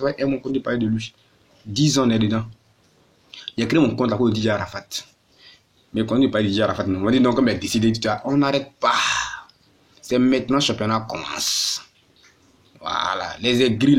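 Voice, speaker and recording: A man talks to camera in his own vlog, voice sitting in a middle register. He hammers the same words again and again, pushing up in bursts and then sinking back low. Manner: repetitive, exhorting, rising and falling in bursts. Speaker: fan video host. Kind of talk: impassioned vlog monologue addressing a grieving friend.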